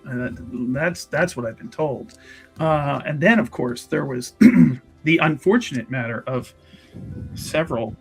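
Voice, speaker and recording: In a tabletop roleplay, a player voices a female church investigator who is polite and hesitant and repeats words as she probes. The voice is mid-range, a little slow and slightly rough, with vocal fry. The recording is low-quality with music playing behind it.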